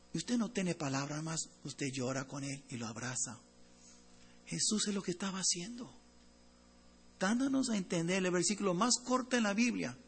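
A man preaching a sermon to his congregation. He swings between loud, emphatic lines and hushed, tender ones. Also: high voice, breathy edge. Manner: addresses congregation as brothers.

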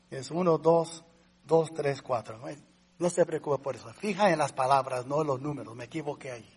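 A man preaching a sermon in a fairly high, husky voice. He talks to his congregation like family, calling them brothers, and keeps asking rhetorical questions. His delivery swings with emotion. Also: darkish tone. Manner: conversational preaching, addresses listeners as brothers. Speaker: pastor.

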